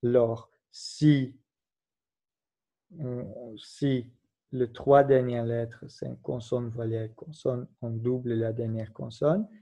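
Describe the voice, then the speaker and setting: Steady, slow and dark in tone, this man's medium-pitched voice carries a recorded grammar lesson in which he patiently explains rules and spells letters out individually. He is a teacher, and the recording sounds dull and lo-fi.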